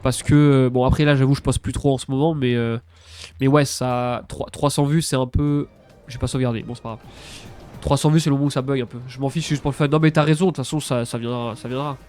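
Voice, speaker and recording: A fast-talking young man with a blocked nose chats over his gameplay stream, with soft music behind him. His mid-range voice is fairly even and a little mellow. He comes across as hesitant, repeating words and swearing mildly.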